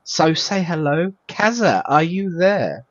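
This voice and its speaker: A man's voice: a little high, big pitch swings, slow, highs cut off. A man with a southern English Estuary accent, hosting an online service in an informal, colloquial, jokey way as he welcomes people. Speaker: host of an online spiritual service. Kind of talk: informal welcoming of guests and viewers.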